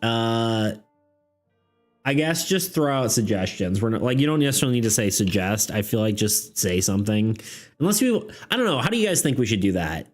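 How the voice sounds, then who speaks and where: Lively, laughing man running a game. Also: mid-range voice, a little fast. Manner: rambling, laughs often, talks to chat. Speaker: game master and streamer. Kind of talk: casual live-stream chat, running a tabletop game. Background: faint background music.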